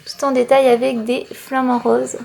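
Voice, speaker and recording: A chatty young woman vlogging from her apartment into a handheld camera. Her voice sits fairly high, and her talk is bubbly and full of little fillers. A faint hiss runs under the indoor recording. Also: little pitch movement, normal speed, vocal fry, a little mellow. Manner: chatty, enthusiastic, many fillers. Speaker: family vlogger. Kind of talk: casual vlog chat to camera.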